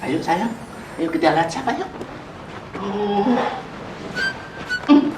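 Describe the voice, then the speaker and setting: A woman's voice: mid-range voice, animated, slow, heavy background noise. An actress playing a flirty, easily annoyed woman fussing over her sweetheart in a film comedy. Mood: annoyed, coaxing. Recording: echoey room with loud music.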